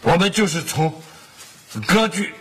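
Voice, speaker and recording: A man's voice: high-pitched, measured pace. An actor playing a nostalgic, boastful middle-aged husband who chuckles and rambles as he reminisces, in a sitcom. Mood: nostalgic, jovial. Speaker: sitcom father. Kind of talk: sitcom acting. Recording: loud background noise on TV audio.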